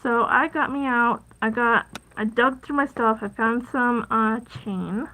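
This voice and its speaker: A woman hosting a casual live crafting stream, chatty and rambling, with plenty of fillers and soft asides at her craft table. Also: a little high, measured pace, low-quality recording. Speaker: crafting livestream host.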